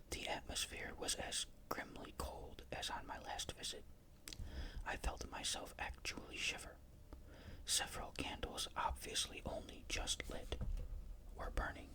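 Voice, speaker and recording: A narrator reading a ghost story in a breathy, unvoiced whisper, with measured, careful literary phrasing. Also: sharp tone.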